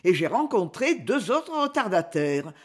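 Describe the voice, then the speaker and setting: A reader voicing a proud young English duke, speaking in measured, haughty sentences. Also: mid-range voice, very animated. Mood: courteous.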